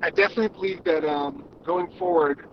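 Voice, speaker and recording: A man's voice: high voice, huge pitch swings, gravelly, dull audio. A man joining a discussion call from a moving car, his audio breaking up and cutting in and out as he speaks earnestly. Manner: earnest, measured, repeats words as he restarts. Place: in a car driving through the countryside. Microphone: phone or video call from a car. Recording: distant, broken-up call with road and vehicle noise.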